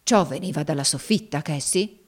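A brutal male master blusters and curses, fear showing under the bluster, as a woman reader plays him. The lines come out loud and forceful. It is a dramatic audiobook reading. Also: low voice, normal speed. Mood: blustering, uneasy. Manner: blustering, cursing.

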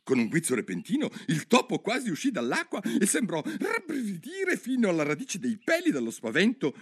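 A man narrating a children's story aloud in an expressive, animated way. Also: high-pitched, a little fast, husky.

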